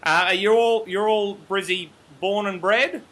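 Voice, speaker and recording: Australian male host, chatty and jokey, high-pitched and bright-toned. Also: fairly even intonation, measured pace. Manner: upbeat, joking, chatty. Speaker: interview host. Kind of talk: casual chat interview.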